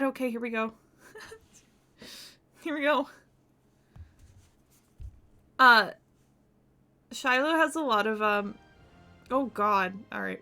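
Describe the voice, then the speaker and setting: A woman's voice: fairly high pitch, pushed and bright. A woman from the United States chatting casually and profanely on a game stream, laughing often. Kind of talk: casual live-stream chat.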